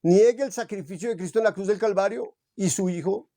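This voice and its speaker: A man's voice: high-pitched, brisk, dark tone, voice pushed up. A man voicing cruel Roman soldiers who issue an ultimatum, told within a sermon story. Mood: demanding.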